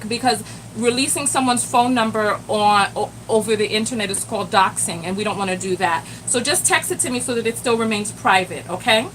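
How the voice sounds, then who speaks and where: A medium-pitched woman talks a little fast over a low-quality recording with slight background noise. She's a self-love coach hosting a live stream, animated and chatty, speaking directly to her viewers in the chat and exclaiming "Lord have mercy."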